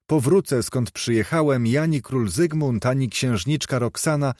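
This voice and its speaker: A man's voice: medium pitch, moderate pace, darkish tone, no echo, clean studio sound, natural voice. A man doing a proud noble knight. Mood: earnest. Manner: proud, declamatory.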